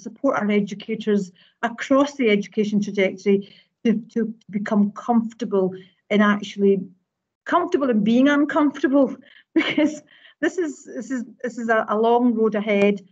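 A woman speaks earnestly on a video call, repeating words as she gathers her thoughts. Her voice comes through a headset with slightly muffled, lo-fi sound. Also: medium pitch. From Scotland. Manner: earnest, laughs easily, repeats words when thinking. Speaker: teacher educator. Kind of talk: webinar panel discussion. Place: home room on a video call.

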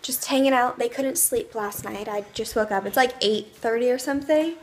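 A woman's voice: on the high side, normal speed, slight background noise. A young woman vlogging at home, chatty and upbeat, rambling with fillers. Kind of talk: casual vlog chat. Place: at home, indoors.

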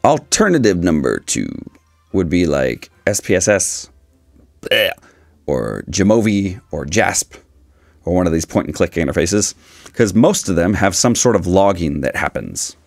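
A man in his forties with a raspy voice, giving a casual, opinionated explainer with dry humour. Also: low voice, sing-song, measured pace, dry recording, faint music behind. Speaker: video host, statistics teacher. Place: small dim indoor room, seated.

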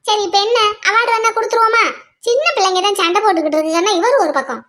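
A woman voicing an exasperated, sharp-tongued grandmother in a cartoon. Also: very high voice, rapid-fire. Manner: nagging, sarcastic.

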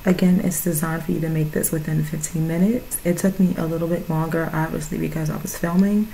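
Woman, 30s, cooking vlogger at home, casual filler-heavy chat, lowish pitch, gravelly edge. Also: steady tone, a little fast, dark tone, slight background noise, rough recording. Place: home living room, indoors.

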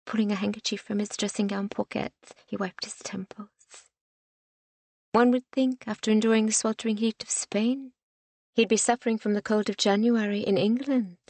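Reading a historical novel aloud, this audiobook narrator keeps a measured storytelling pace and drops to a hush for quieter moments. She has a medium-pitched, creaky voice, recorded without echo.

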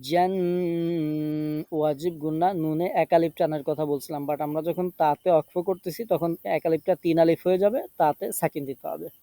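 A man from Bangladesh teaching Quran recitation in an online tajweed lesson, chanting verses in long drawn-out phrases and repeating syllables between short instructions. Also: on the high side, steady tone, dark tone, no echo. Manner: repeats syllables to drill pronunciation.

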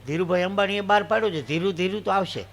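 A Gujarati stand-up comedian from India performs live folk comedy, telling jokes and folk stories while acting out the voices of the characters. His voice sits high and sounds gravelly, and he races through the material.

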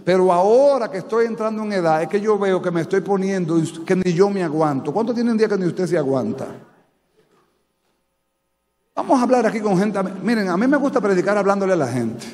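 Dominican pastor preaching in a reverberant church. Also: male voice, high voice, expressive, fairly quick, darkish tone. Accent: Dominican Spanish. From Dominican Republic. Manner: preaching to a live congregation, asks them questions. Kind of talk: sermon. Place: church sanctuary.

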